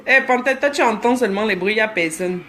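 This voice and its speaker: A woman's voice: mid-range voice, fast talker, a bit bright, a little hiss or hum. A woman in her thirties with a Cameroonian accent, chatting casually on a live stream, greeting viewers by name and teasing them. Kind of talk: casual live-stream chat reading comments.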